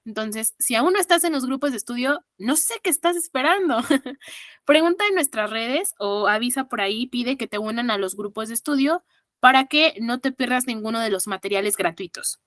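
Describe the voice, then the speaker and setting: A woman's voice: a little high, animated, moderate pace, a bit bright, no room sound, clean studio sound. A woman with a Mexican accent teaching an online exam-prep class, counting syllables aloud and praising her students patiently.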